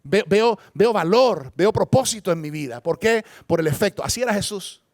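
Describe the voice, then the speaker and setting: Brief: male pastor, higher-pitched voice, dry close sound, emphatic sermon delivery with big swings. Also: expressive, moderate pace, no echo. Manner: emphatic, dramatic swings in pitch and loudness, rhetorical questions.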